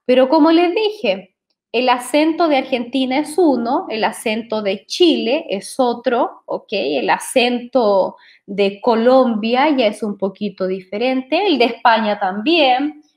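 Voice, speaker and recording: High-pitched lady teacher going slow and patient through a spanish lesson, keeps checking you follow. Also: a little mellow. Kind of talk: language lesson to camera.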